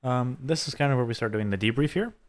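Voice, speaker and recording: A man working as a race engineer, chatting through a post-race debrief in a halting, think-aloud way. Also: mid-range voice.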